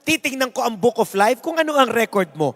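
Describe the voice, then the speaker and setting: A man voicing Christ as a calm, matter-of-fact man in a joke, heard in an echoey hall. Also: very high-pitched, fairly quick, exaggerated voice. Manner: calm and matter-of-fact, later laughing loudly.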